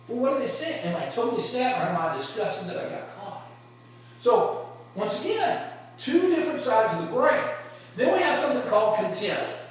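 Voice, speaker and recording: A man's voice: extremely high pitch, animated, normal speed. A man teaching a psychology class as a lecture, asking rhetorical questions and acting out everyday examples. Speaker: psychology instructor. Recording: very echoey room, far from mic.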